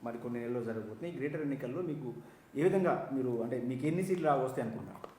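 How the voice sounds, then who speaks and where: A man interviewing at a very fast clip, his voice somewhat high and formal in tone. He sits away from the mic in an echoey space, with faint noise behind him. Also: darkish tone, distant mic. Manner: rapid, formal questioning. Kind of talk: news interview questions.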